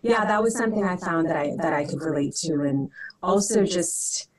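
A woman in her thirties from Senegal, an actress on a video-call panel, speaks in a reflective, measured way. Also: fairly low pitch, far from the mic, poor audio. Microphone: wired earbuds on a video call.

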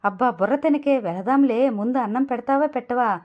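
Woman voicing a sharp-tongued angry young woman. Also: a little high, fairly quick, close to an everyday voice. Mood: irritated. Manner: angry scolding. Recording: dull lo-fi audio.

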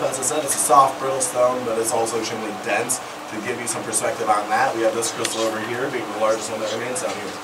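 Male tour guide, casual and joking, voice ringing with cave echo, caught on a visitor's camera from a distance. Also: medium pitch. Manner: easygoing, joking patter. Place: small underground crystal cave. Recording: echoey cave from far off, loud hum.

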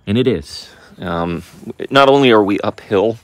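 A man vlogging about his homestead project, explaining his plans in a practical, thinking-aloud way and sounding excited about it. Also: lowish voice, unhurried, no room sound. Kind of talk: casual on-camera explanation.

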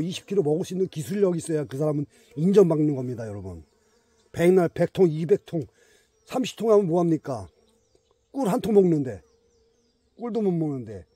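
A man's voice: fairly high pitch, mellow, husky, no echo. A middle-aged man vlogging outdoors in a mountain forest, chatting emphatically to his bees and to his viewers. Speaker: beekeeper vlogger. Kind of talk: casual outdoor vlog.

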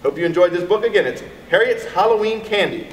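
A middle-aged American man with a high voice reads a picture book aloud to children at a quick pace, addressing them directly and expressively. He is an elementary school teacher reading to his pupils. The recording is echoey, with a distant mic and background noise.

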